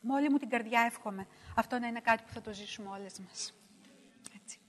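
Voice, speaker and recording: A middle-aged woman preaching a sermon, emphatic and repetitive, swinging between loud stresses and hushed asides. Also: fairly high pitch, in a large hall.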